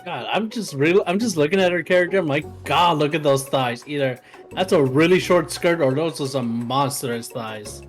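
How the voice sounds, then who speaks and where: A joking, teasing woman streamer with a low voice, chatting casually as a guest. Faint music sits behind her. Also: moderate pace. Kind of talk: casual chat.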